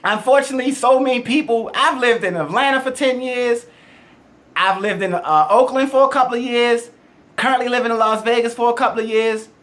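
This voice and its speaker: A man from Baltimore, Maryland, with a heavy local accent, speaks briskly in a very high, somewhat bright voice. Hoping to get on a game show, he jokes, boasts, and laughs often during a casual casting interview in a Las Vegas casting room.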